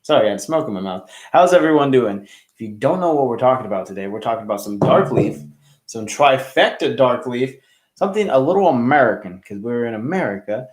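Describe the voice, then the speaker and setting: Man, livestream host, casual rambling chat, medium pitch, echoey room. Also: lively intonation, brisk. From California. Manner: chatty, loose, greets viewers by name. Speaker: hookah review livestream host.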